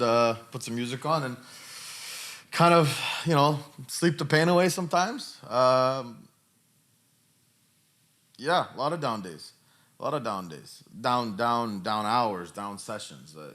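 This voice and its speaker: Speaking at normal speed, this thirtysomething man has a medium, fairly bright voice. He's a podcast host fielding questions casually, stressing points and repeating phrases.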